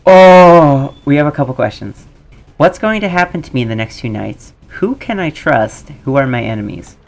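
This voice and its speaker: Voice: medium pitch, lively intonation, normal speed, creaky. A game player giving casual, musing commentary and reading dialogue choices aloud.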